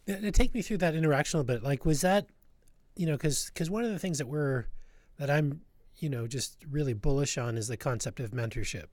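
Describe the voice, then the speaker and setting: A man's voice: fairly high pitch, brisk, darkish tone, no echo. Hesitant male podcast host, dry sound. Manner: hesitant, many fillers and restarts. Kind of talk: interview podcast.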